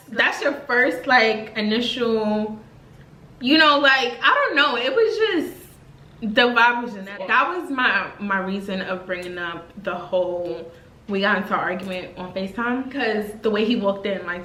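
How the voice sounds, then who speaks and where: A woman in her twenties tells a casual storytime to her vlog, chatty and expressive with plenty of slang and fillers. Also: medium pitch, normal speed, reverberant, a little hiss or hum, low-quality recording. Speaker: vlogger.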